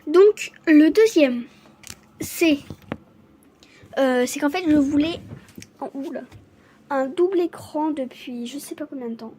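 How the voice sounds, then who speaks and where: High-voiced woman who stutters. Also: dark tone, a little hiss or hum. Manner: stutters, restarts words often; halting, apologetic. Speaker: vlogger showing her gifts. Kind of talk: casual unboxing chat to camera.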